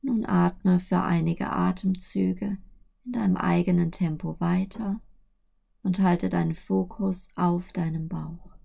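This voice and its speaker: A woman narrating a guided sleep meditation in a soft, breathy, soothing voice that is often hushed close to a whisper. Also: on the low side, steady tone, slow.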